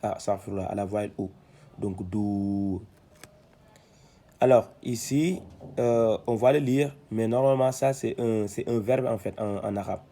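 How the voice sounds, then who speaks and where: A man teaching Quran reading, sounding out syllables loudly one by one, then explaining calmly with many hesitations. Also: medium pitch, normal speed. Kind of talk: slow syllable-by-syllable reading lesson.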